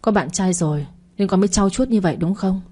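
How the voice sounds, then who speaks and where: A woman's voice: medium pitch, quick pace, dark tone, lightly acted. A woman voicing a worried, weeping middle-aged mother in a narrated audio story. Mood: prying. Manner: tearful, pleading.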